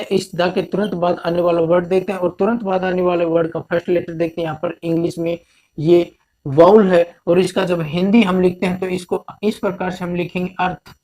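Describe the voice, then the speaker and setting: A man's voice: high voice, mellow. Man teaching a patient step-by-step lesson. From India. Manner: repeats each point slowly, step by step; mixes English terms into Hindi. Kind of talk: explaining a grammar lesson.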